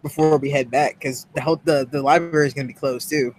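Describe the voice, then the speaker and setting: A man's voice: fairly high pitch, steady tone, fast, slight background noise, low-quality recording. A man playing a tabletop game in casual chat, wry and grumbling. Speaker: player.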